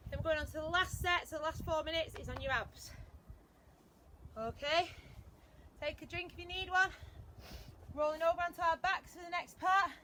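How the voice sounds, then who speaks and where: A woman's voice: very high voice, normal speed, pauses often, sharp tone, a little hiss or hum. A woman fitness instructor leading a live workout class with short repeated commands, counts and encouraging cues. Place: outdoors in a back garden.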